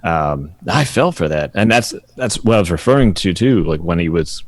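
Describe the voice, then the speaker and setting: Man with a really deep voice chatting about a show, kinda halting, repeats himself, dry. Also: animated, no echo. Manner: loose, halting, repeats words. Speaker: podcast co-host. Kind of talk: casual review discussion.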